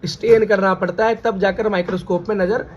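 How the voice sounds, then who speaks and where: Male Hindi-speaking biology tutor with a high voice, drilling terms through repeated questions, on a muffled lo-fi recording. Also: steady tone, fairly quick. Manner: repeats key terms as questions, calls students "beta". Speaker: biology teacher. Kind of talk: classroom lecture.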